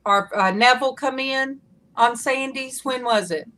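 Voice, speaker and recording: A woman's voice: sits high, measured pace, fairly bright tone. A woman with a Southern US accent and a drawling delivery, chatting casually as the host of a live show.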